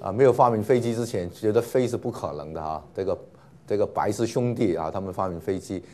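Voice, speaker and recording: A man's voice: on the low side, mellow. Male teacher, patient classroom lecture, lots of fillers and repetition, with mixed in. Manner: patient, many filler 'ah' sounds, repeats words for students.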